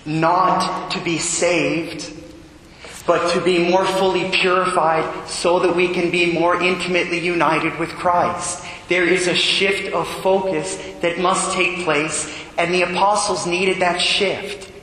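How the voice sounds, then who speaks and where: Man preaching in booming cathedral echo. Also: little pitch movement, sharp tone, a little hiss or hum. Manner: measured, preaching, rhetorical questions. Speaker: priest. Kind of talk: gospel reading and homily. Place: large church. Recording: booming long reverb in a large church.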